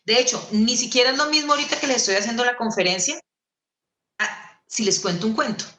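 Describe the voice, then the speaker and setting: A woman's voice: fairly high pitch, brisk, pushed and bright. Theatrical Colombian woman storyteller. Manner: theatrical, playful, shifting into put-on voices. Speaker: storyteller giving a lecture. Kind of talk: animated lecture. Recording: echoey room.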